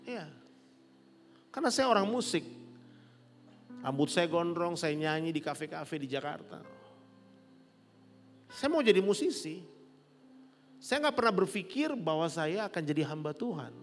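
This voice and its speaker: Middle-aged male pastor, fairly high voice, preaching in a big church hall with long reverb and faint music behind. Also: a little slow, long pauses. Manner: animated, rising to loud peaks, laughing with the congregation. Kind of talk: sermon.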